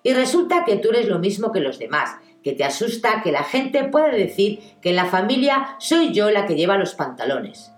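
A woman's voice: mid-range voice, sing-song, moderate pace, hardly any pauses, close to an everyday voice. A woman reading the part of a stubborn, proud young wife, speaking obstinately and insistently. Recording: echoey room with faint music.

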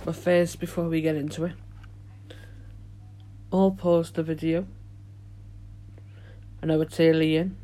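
Even-toned man hosting a podcast. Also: fairly high pitch, slight background noise. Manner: informal, halting, unpolished. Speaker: podcast host. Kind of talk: casual solo podcast chat.

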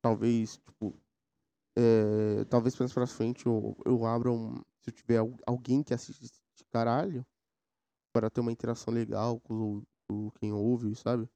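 Hosting a casual solo podcast from his home setup with a mechanical keyboard, a man in his 20s from São Paulo, Brazil, wanders from topic to topic in slang. His mid-range voice is flat, measured, warm, with vocal fry. The audio goes through a sound card and has no echo.

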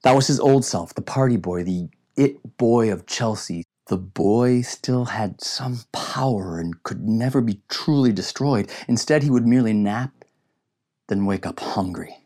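Low-voiced male audiobook narrator. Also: a little slow, mellow. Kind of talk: scripted narration.

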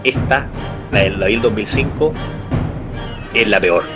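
Un hombre con acento chileno conversa de política en un pódcast, con muchas pausas y frases que se reinician. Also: male voice, on the low side, music in the background. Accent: Chilean Spanish. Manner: rambling, many restarts and fillers. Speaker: political podcast co-host. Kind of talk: casual political chat.

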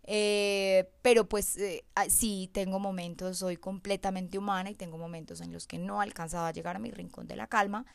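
Calm, candid mother. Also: medium pitch, normal speed, creaky, hardly any pauses, no room sound. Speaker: mother sharing parenting advice. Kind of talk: casual monologue to viewers.

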